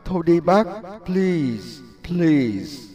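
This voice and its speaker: A man's voice: mid-range voice, animated, slow, darkish tone, soft background music. A man voicing a young bamboo in a storybook parable, pleading in fear and then yielding humbly. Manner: pleading, tearful.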